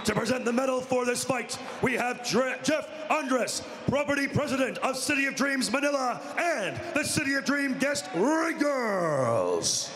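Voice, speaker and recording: A man booming out formal fight announcements as a ring announcer, with drawn-out, shouted delivery of names. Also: sing-song. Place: large indoor fight arena. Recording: echoey arena PA with crowd noise.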